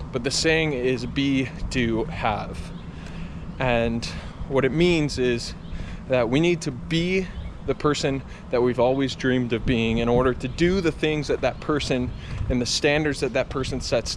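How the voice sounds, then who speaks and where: A man talking reflectively to camera in an earnest, confessional way, as a running vlogger. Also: medium pitch. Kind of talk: reflective vlog talk to camera. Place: outdoors on a campus. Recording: clear outdoor traffic and ambient noise.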